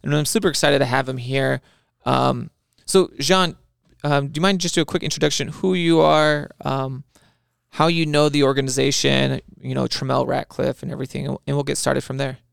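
A man's voice: mid-range voice, fairly even intonation, normal speed, vocal fry, fairly bright tone, smooth, no echo, studio quality. A man hosting a podcast in a casual interview style. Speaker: podcast host.

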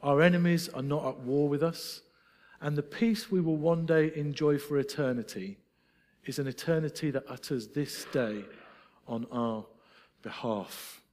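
Scottish man, middle-aged, earnest sermon delivery, slightly higher voice, hall echo. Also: unhurried, a little mellow. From Scotland. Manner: earnest, reflective, with self-deprecating asides. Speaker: preacher. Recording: long reverb of a large hall.

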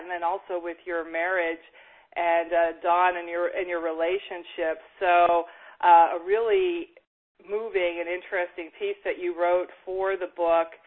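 A woman hosting a casual interview, upbeat and chatty, often laughing as she talks. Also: fairly low pitch. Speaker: interview host and book editor. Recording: phone-like narrow line.

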